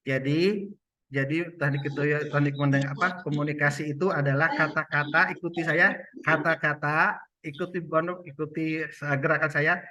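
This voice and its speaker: A man's voice: a little high, fairly even intonation, moderate pace, pushed and bright, no room sound. A man giving a loose online training on communication, with many fillers and restarts. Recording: muffled lo-fi sound.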